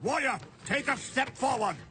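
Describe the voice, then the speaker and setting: An actor playing a pompous, imperious lord in an animated film, barking orders at everyone. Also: male voice, extremely high pitch, normal speed, a little hiss or hum. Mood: commanding. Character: pompous rich old lord, bossy uncle.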